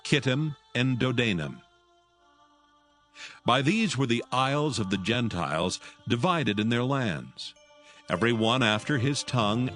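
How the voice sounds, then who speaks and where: With music playing in the background, a man with a mid-range voice reads scripture from a script in a measured, solemn manner.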